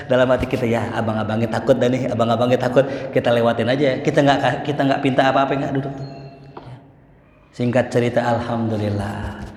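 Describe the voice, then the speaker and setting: A man preaching in casual storytelling style. He talks in a lively, colloquial way and acts out the voices of the people in his stories. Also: medium pitch. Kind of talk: sermon storytelling. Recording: echoey hall.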